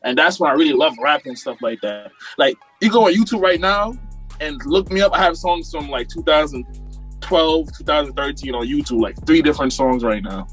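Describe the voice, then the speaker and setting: Young man, from Jamaica, rapper guest, slightly raised pitch, laid-back, fillers, video call, faint music behind. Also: lively intonation, a little fast, fairly bright tone, slightly rough. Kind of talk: casual interview chat.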